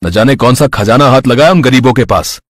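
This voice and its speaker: A man's voice: mid-range voice, a little fast, dry recording, studio quality, close to an everyday voice. A man voicing an envious, gossiping villager in a cartoon story.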